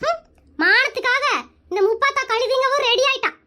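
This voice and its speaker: A performer voicing a bold, sharp-tongued village wife in an animated comedy cartoon, answering back with quick defiant comebacks. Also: extremely high pitch.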